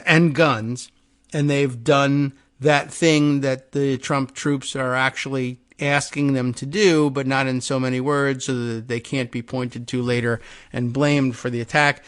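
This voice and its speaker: A man's voice: medium pitch, fairly bright tone, clear, resonant tone, no echo, clean studio sound. Man reading news with wry asides. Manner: wry asides between read passages. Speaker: podcast host. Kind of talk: reading news aloud with commentary.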